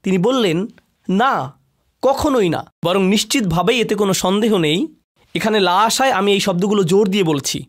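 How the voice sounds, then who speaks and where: A man's voice: high voice, brisk. A man giving a religious lecture on a Quran chapter, explaining word meanings, reciting Arabic phrases and stressing key words.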